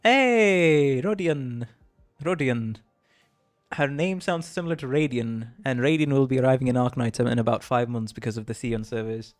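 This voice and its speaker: A man's voice: medium pitch, no room sound. A man livestreaming a game, chatting casually and reading the dialogue aloud, laughing often and tripping over words.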